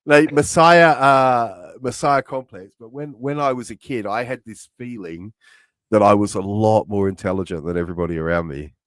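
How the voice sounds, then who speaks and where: A middle-aged man with a fairly low voice talks earnestly on a live stream. He stops and restarts his sentences as he works through a point. The sound is close and dry. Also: no room sound. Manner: earnest, halting, many restarts. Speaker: co-host. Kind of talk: casual live-stream chat.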